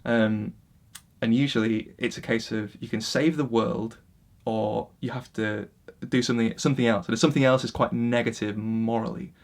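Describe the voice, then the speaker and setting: A man vlogging a casual opinion rant to camera, passionate and animated, swinging between loud outbursts and quiet asides. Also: mid-range voice, moderate pace, creaky.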